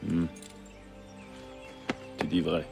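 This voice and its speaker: An actor playing a steady, consoling comrade in a game, speaking in a measured, earnest way. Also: male voice, sits low, gravelly, exaggerated voice. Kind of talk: dramatic video game dialogue. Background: music.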